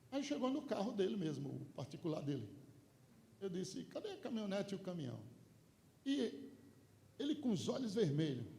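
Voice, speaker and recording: High-voiced Brazilian pastor, echoey church. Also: male voice, creaky, a little hiss or hum. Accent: Brazilian Portuguese. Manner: swings from quiet storytelling to shouted preaching. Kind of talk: sermon with storytelling. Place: church hall. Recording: echoey church with faint ambience.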